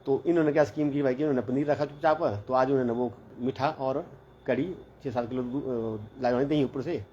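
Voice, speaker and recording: A chatty man from northern India rambles through a casual story, addressing his listeners as brothers and quoting everyone he talks to. His voice sits at an ordinary middle pitch. The audio is a little dull and lo-fi, with faint noise in the background. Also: steady tone, fairly quick, warm tone. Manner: rambling, chatty, repeats "bola" and "bhai". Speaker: hostel mess teacher.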